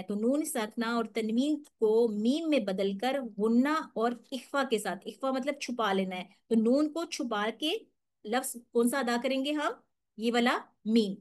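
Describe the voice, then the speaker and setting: A woman teaching tajweed in an online lesson, explaining patiently step by step and modelling slow, drawn-out recitation. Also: on the high side.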